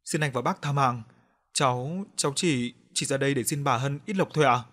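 A man's voice: medium pitch, brisk, fairly bright tone, natural voice. A man voicing a frightened young gambler who stammers and begs for mercy in an audiobook. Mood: pleading. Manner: stammering, begging.

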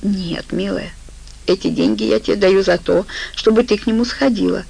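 A woman's voice: medium pitch, moderate pace, vocal fry, darkish tone, slightly rough, rough recording. A woman voicing a cunning, manipulative woman who talks in a soothing, persuasive way. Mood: coaxing.

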